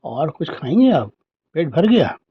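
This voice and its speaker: A man voicing a kind young working woman who talks gently and coaxingly to a lost child. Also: fairly high pitch, big pitch swings, unhurried, breathy edge, dull audio, exaggerated voice. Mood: gentle.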